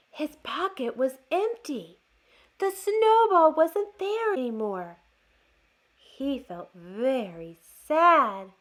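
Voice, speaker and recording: Her voice sits high as she reads a story to young children, hosting storytime with lots of expression, drawing out important words and putting questions to her little audience.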